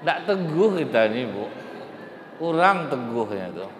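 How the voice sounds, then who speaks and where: Storytelling preacher in an echoing hall. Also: male voice, mid-range voice, normal speed, background noise. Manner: lively storytelling, addressing the women directly. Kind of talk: humorous sermon. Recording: echoey hall, faint ambience.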